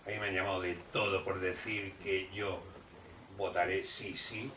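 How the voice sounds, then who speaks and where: A man's voice: low voice, level tone, normal speed. Older man, emphatic public talk, repeats himself, distant mic, echoey hall, faint hiss. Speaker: speaker at a neighborhood meeting. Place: neighborhood association hall. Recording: roomy echo, distant mic, faint noise.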